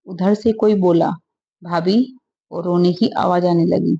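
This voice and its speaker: A woman storyteller reading a moral story aloud in a steady, even way. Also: lowish voice, normal speed, vocal fry, muffled recording, a little hiss or hum.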